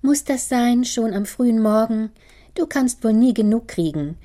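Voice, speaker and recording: A woman's voice: mid-range voice, sing-song, normal speed, voice pushed up. A woman voicing a spirited, defiant young daughter who has caught a cold, answering back sharply. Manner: sharp, challenging retorts.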